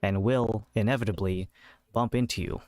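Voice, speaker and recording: Steady male game master narrating. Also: lowish voice, no room sound. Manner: measured, descriptive narration.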